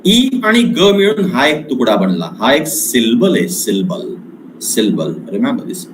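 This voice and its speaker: A man teaching an online English lecture with an Indian English accent, speaking slowly and deliberately and switching between English and Marathi. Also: medium pitch, big pitch swings, reverberant, background noise.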